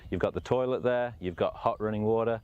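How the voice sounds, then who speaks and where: A man's voice: on the low side, brisk, clear, resonant tone, highs cut off. An Australian man in his thirties giving a casual, matey product walkthrough. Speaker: product demonstrator. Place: outdoors and inside a camper.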